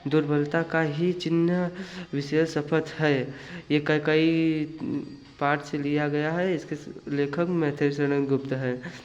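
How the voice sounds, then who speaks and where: Slow, flat-voiced man explaining an exam. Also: a little high, lo-fi sound. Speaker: teacher.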